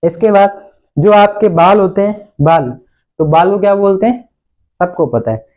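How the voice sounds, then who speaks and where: A man's voice: high-pitched, normal speed, darkish tone. A man teaches Sanskrit words in a classroom lecture. He repeats each term, then asks and answers his own questions. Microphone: recorded lesson video.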